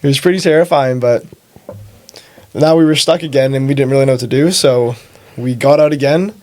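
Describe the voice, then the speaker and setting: A young man, the host's son, telling a story about a trip in a plain, steady way. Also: medium pitch, a little fast, dry recording. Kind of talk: recounting a story.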